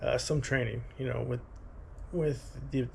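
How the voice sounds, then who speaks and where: A man in his thirties with a creaky, fry-laden voice rambles casually for a vlog. He talks haltingly, as if thinking aloud, at an ordinary middle pitch. Some ambient noise sits behind him. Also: fairly even intonation. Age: 30s. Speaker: running vlogger.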